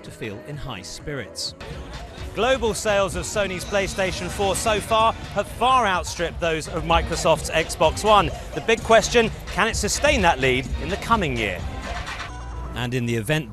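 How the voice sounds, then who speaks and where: A man delivering a news report voice-over in a measured broadcast manner. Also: a little high.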